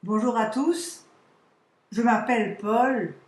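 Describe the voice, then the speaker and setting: Réunion lady, slow careful testimonial, echo all around. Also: fairly high pitch, a little mellow. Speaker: customer giving a testimonial. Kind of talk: short spoken testimonial. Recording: roomy echo.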